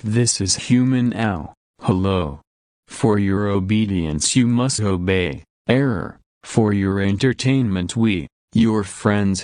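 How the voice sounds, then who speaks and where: A man voicing a male AI overlord who hosts the show, speaking in a deadpan way that keeps breaking off to announce errors. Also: fairly low pitch, dry recording, studio quality. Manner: deadpan, glitching with repeated error reports. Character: AI overlord posing as a friendly male machine. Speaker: show host.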